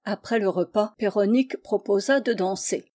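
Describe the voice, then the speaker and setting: A woman narrating a fairy tale aloud, expressive and storytelling. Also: medium pitch, moderate pace.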